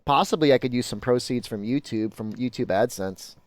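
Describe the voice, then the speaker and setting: Talking fairly quickly at medium pitch, a man comes through with a bit of hiss or hum in the background. He's a laid-back live streamer of Mexican origin or descent, giving casual gaming commentary and responding to viewers' questions.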